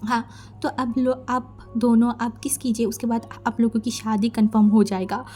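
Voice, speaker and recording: A woman's voice: fairly high pitch, little pitch movement, moderate pace, mellow, faint music behind, natural voice. A woman voicing a male wedding officiant conducting the ceremony. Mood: formal.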